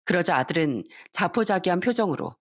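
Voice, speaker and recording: A woman's voice: on the low side, lively intonation, fairly quick. A woman narrating a scripted story as a radio-style first-person account.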